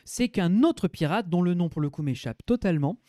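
Dry, higher-voiced man describing a ride. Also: expressive, brisk, warm tone, no room sound. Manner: enthusiastic, detailed storytelling. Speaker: podcast co-host. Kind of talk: casual chat, describing a theme park ride.

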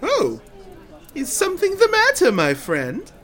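An actor playing a grandiose travelling bard in a fantasy audio drama, with florid old-fashioned speech and dramatic pauses. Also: very high voice, huge pitch swings, over a noisy crowd, very noisy, full character voice. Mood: airy, courteous. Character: flamboyant, grandiose travelling bard, theatrical storyteller.

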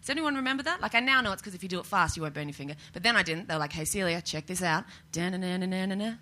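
A woman's voice: mid-range voice, lively intonation, rapid-fire, sharp tone. A young Australian woman doing a stand-up set, chatty and self-mocking with punchy delivery. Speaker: stand-up comedian.

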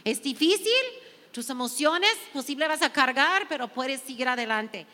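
High-voiced woman sharing with emotion. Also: animated, moderate pace, pushed and bright, in a large hall. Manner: emotional, heartfelt, reading scripture aloud. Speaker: pastor. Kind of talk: sermon-style sharing.

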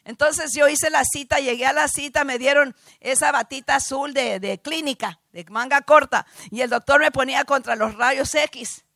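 A woman preaching her testimony with emphatic energy, often bursting into shouted praise and mixing in English words. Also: high voice, moderate pace, hardly any pauses, no echo, studio quality. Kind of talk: animated testimony sermon.

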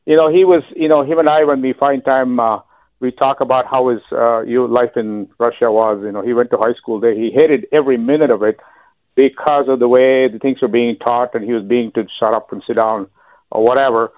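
A man's voice: medium pitch, fairly even intonation, brisk, dry recording. A man from Minnesota calling in to a radio show, a teacher talking in a friendly, rambling way. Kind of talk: phone-in chat. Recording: dry tinny phone line.

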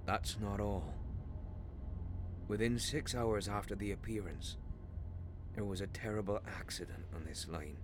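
In a radio play of a Victorian ghost story, an actor voices a haunted, troubled railway signalman telling of a spectre. His lowish, steady voice stays close to everyday speech over music, grave and halting with dramatic intensity, hushed drops, and anguished outbursts full of dread.

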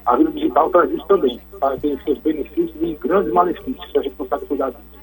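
Man on a phone line, husky raspy voice, measured explainer, call-in radio guest, faint music behind. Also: fairly high pitch, darkish tone. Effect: heard over a phone line. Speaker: tech commentator calling in to a radio show.

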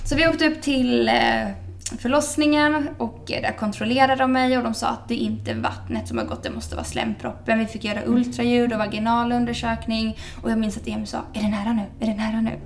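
Young woman guest, slightly high voice with gravelly creak, chatty storyteller who acts out quotes. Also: slight background noise. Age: young adult. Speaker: interview guest. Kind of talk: casual podcast interview.

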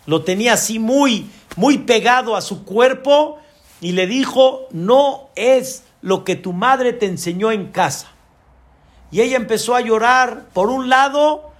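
High-voiced rabbi telling a story. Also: male voice. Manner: dramatic storyteller, voices the women in his story. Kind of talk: sermon storytelling.

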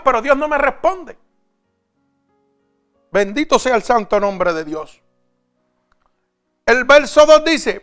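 A man preaching a sermon, first reading scripture slowly and then addressing his listeners directly. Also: very high voice, a bit bright, clean tone.

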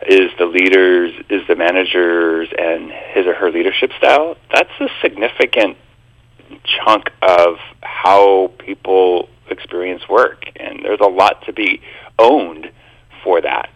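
A man speaking conversationally as an interview guest, halting a little as he thinks aloud. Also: sits low, a bit bright, dry recording, poor audio. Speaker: guest, author and organizational consultant.

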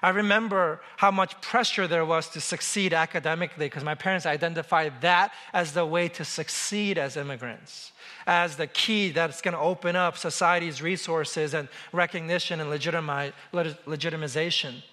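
A South Korean pastor in his forties preaches a sermon in a bright, forceful voice pitched slightly high for a man. His delivery is measured and emphatic, and he draws out each word when running through a list.

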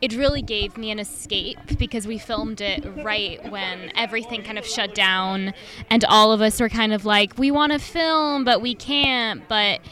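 A woman's voice: mid-range voice, moderate pace, bright, forceful tone. A woman from Switzerland whose first language is French, an actress talking candidly and laughing easily. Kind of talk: casual interview.

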